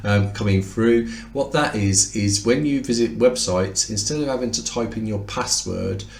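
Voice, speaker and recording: In an echoey room, a tech reviewer with a failing voice talks through a comparison of two laptops, conversational and explanatory, occasionally fixing a word halfway through. His voice is lowish and gravelly, and he speaks at a normal speed.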